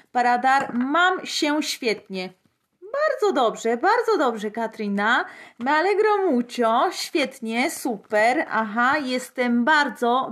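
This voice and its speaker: A woman's voice: high voice, fairly bright tone. A woman teaches a live online Polish lesson. She drills phrases aloud and greets her viewers.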